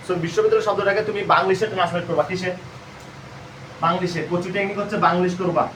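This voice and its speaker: A man with a high voice and a Bangladeshi Bengali accent teaches a live admission prep lesson, quizzing repetitively and answering his own questions. His intonation stays fairly even, his pace is quick and his tone fairly bright. He's recorded from a distance and off-mic, with a roomy echo and a faint hum.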